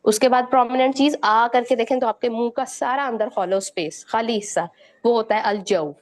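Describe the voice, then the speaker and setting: A woman gives a patient recitation lesson. Her voice sits a little high. She keeps asking her students questions and checks in with them after each point. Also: brisk. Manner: repeats "theek hai" to check understanding, quizzes listeners with questions. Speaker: Quran recitation teacher.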